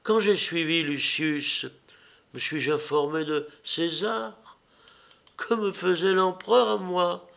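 A devoted young Greek woman, timid and pleading, as a male audiobook reader gives her lines. She speaks slowly in a slightly high, tender voice. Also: creaky, fairly bright tone, exaggerated voice. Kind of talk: audiobook reading.

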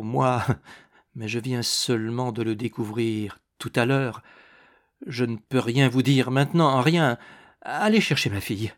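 A man voicing an agitated aristocratic countess, a middle-aged woman who speaks in a pleading, hurried, breathless way. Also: medium pitch, close to an everyday voice.

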